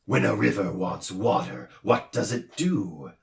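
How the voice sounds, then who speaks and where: A man's voice: fairly low pitch, lively intonation, unhurried, gravelly, reverberant, distant mic. A man doing a pompous, roaring noise doctor. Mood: lecturing. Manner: loud, roaring, lecturing. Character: booming gruff male noise doctor, pompous.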